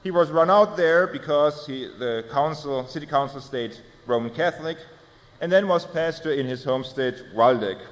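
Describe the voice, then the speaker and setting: A man presenting a theology paper, reading it aloud in a formal, measured way with small self-corrections. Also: mid-range voice. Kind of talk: reading a prepared academic paper. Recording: long hall reverb.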